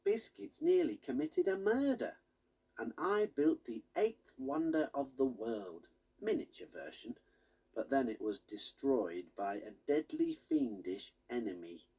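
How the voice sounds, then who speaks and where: A man reading a children's storybook aloud in an expressive, animated way. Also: medium pitch, a little slow, husky. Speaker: audiobook narrator.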